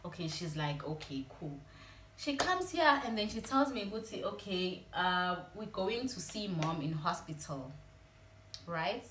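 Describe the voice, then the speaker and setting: A woman's voice: lowish voice, lively intonation, measured pace. A young woman with a South African Zulu accent, telling a personal story in a confiding, emotional way as a vlogger. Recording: echoey room with faint ambient noise.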